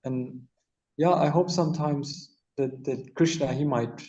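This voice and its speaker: A man giving an extempore religious discourse as a spiritual teacher, haltingly repeating words, over a muffled online call. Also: fairly high pitch, mellow.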